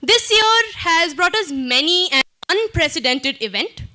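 A young woman with an Indian accent speaks in a high, bright voice. She hosts from a small indoor stage with a florid, effusive welcome style, projecting into a handheld microphone. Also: animated, measured pace. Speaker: event host. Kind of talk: theatrical emcee welcome speech.

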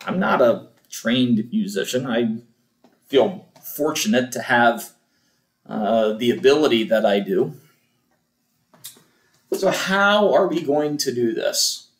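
Man, church cantor, slow patient explainer, mid-pitched, echoey church sound. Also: lively intonation. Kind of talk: explaining to a congregation. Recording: roomy echo.

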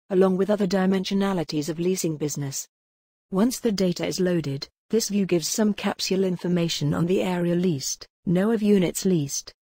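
A narrator reading a scripted software demo voice-over in an even, measured corporate manner. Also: medium pitch, no room sound, clean studio sound.

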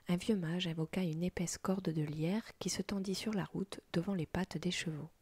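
A woman tells a story as a whispered role-play, speaking softly and slowly in a breathy, unvoiced whisper. Her voice is on the low side, and there's no room sound.

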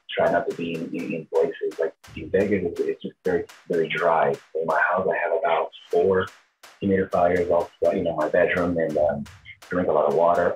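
Heard on a rough recording, this man has an extremely low voice. He's a tribute show performer from Brazil in his thirties, whose first language is Portuguese, answering interview questions informally with a Brazilian accent.

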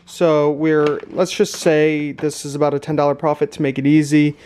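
The host of a thrifting channel, a reseller, gives casual vlog commentary, thinking aloud as he tallies up numbers. His voice is a little high with little pitch movement, at a normal speed. The background is clean, though clicks can be heard.

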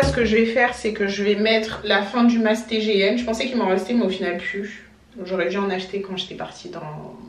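A young adult woman chatting casually to camera at home as a beauty vlogger, expressive and quick to poke fun at herself. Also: mid-range voice, recorded from a distance. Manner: chatty, expressive, self-mocking. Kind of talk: casual vlog chat. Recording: roomy, from the mic, faint background hum.

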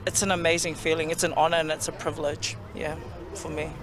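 A woman's voice: sits low, flat delivery, quick pace, background noise. A young woman rugby player from Samoa, chatting cheerfully in an outdoor interview at a rugby field with a handheld mic. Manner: cheerful, laughs easily. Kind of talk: casual interview. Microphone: handheld reporter mic.

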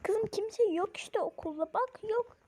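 A woman's voice: very high-pitched, a little slow, background noise. A woman playing a daughter in a game role-play, chatty and pleading as she explains herself.

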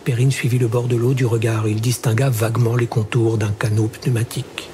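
Calm male audiobook narrator. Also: medium pitch, fairly quick, background noise. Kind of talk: scripted narration.

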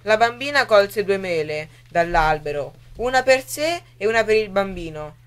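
A woman reading a creation tale aloud on a radio poetry program, soft and expressive, hushing for the whispered parts. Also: medium pitch, normal speed. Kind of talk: storybook reading.

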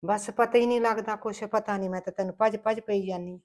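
A woman's voice: high-pitched, moderate pace, fairly bright tone. A woman with a Malwai Punjabi accent playing a grumbling, scolding village mother-in-law in a comic skit. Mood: remorseful. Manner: scolding, rustic and emphatic.

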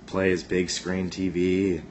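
A man chatting casually to camera, rambling and halting as he describes a friend. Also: low-pitched, monotone, noisy background.

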